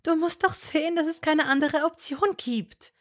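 A woman's voice: sits high, moderate pace, voice pushed up, close to an everyday voice. Woman playing Hermine, a pleading young witch. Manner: urgent, pleading, insistent. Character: desperate, stubborn young witch held captive.

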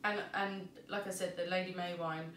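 A woman's voice: lowish voice, moderate pace, slight background noise. A woman co-hosting a podcast, talking casually and informatively about wine. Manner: relaxed, informative, frequent agreeing. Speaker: podcast co-host. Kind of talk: casual wine-tasting chat. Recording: echoey room, distant mic, faint ambience.

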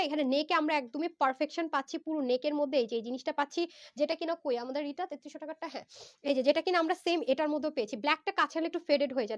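A woman from Bangladesh, hoarse from a fever, giving a persuasive live sales pitch on a phone stream and mixing in English words. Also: fairly bright tone. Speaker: online clothing seller. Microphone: phone livestream.

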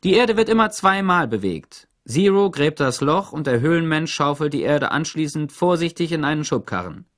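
A man's voice: a little high, very animated, normal speed, few pauses, a bit bright, voice pushed up. A man voicing a stern, impatient woman who runs a work camp, giving orders in a commanding way. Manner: commanding, insistent.

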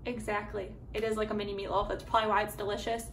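An American woman in her thirties gives a casual home cooking demonstration, chatting informally in her kitchen and partly in a backyard garden. Her medium-pitched voice is fairly flat and she talks at a racing pace, far from the phone or camera held at arm's length. The kitchen is echoey, with clear background noise.

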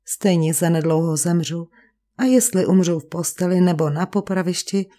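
This woman's voice is lowish and mellow, lightly acted, as she reads an audiobook character: a fragile, refined male painter of about thirty. She delivers his words with cultivated resignation.

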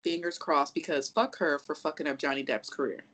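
A podcast co-host in casual chat, animated and profane, rambling through restarts and acting out reactions. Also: medium pitch, brisk, rough recording.

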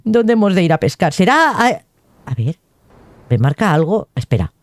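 A woman's voice: lowish voice, sing-song, moderate pace, no room sound. A woman with a Spain Spanish accent doing giggly, chatty let's play commentary as a gaming youtuber.

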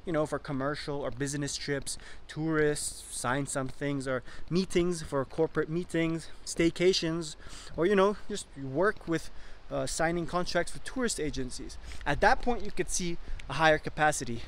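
A man's voice: moderate pace, fairly bright tone, slight background noise. A young man hosting a property vlog, speaking persuasively to a phone held at arm's length outdoors at a sunny mountain resort. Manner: upbeat and persuasive, pitching to investors. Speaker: real estate investor and vlog host. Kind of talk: enthusiastic sales vlog to camera. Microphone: phone held at arm's length, selfie video.

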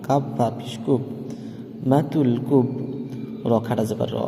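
A man teaching Quran reading, spelling out syllables slowly and breaking into melodic chanted recitation. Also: mid-range voice, fairly even intonation, creaky, dark tone, long reverb tail.

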